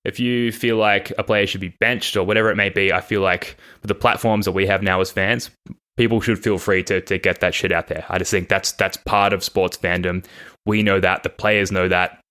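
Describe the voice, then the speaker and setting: Low-voiced Australian man, rambling podcast host. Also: fairly even intonation, moderate pace, sharp tone, clear, resonant tone. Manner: rambling, self-deprecating, laughs often. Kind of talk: casual sports chat.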